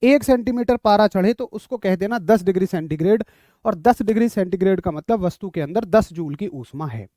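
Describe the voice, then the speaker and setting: A male physics teacher lectures with a high-pitched voice, explaining ideas through a small story and checking in with students. His voice sounds close and dry. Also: brisk, warm tone, dry recording. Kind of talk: classroom lecture.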